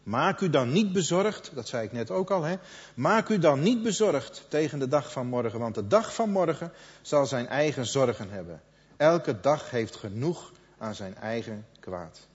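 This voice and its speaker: A middle-aged man preaching a sermon in a conversational manner, quoting others in lively asides. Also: mid-range voice, a little slow. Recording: dull sound with long hall reverb.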